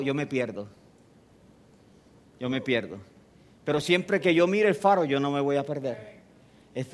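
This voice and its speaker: A man preaching a sermon, speaking to the listener directly with repetition and rhetorical questions, and rising to loud, emphatic passages. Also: a little high.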